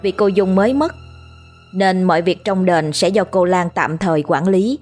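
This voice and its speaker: A woman's voice: lowish voice, faint music behind. Woman narrating a horror story. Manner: steady, measured storytelling.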